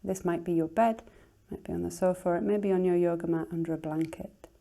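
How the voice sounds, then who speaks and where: Leading a relaxation in an unhurried, calming manner, a woman teacher offers soft instructions, her voice breathy as phrases finish. She keeps a fairly low pitch and a steady tone.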